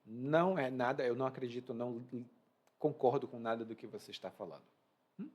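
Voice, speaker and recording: A man with a Brazilian accent and a mid-range voice talks briskly from home while teaching Portuguese. He walks learners through a reading and animatedly performs the quoted lines.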